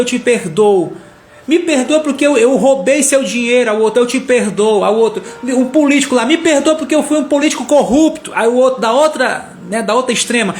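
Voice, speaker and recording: High-pitched preacher in echoey room. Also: male voice. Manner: animated, acts out the characters' lines. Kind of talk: sermon storytelling. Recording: echoey room with faint music.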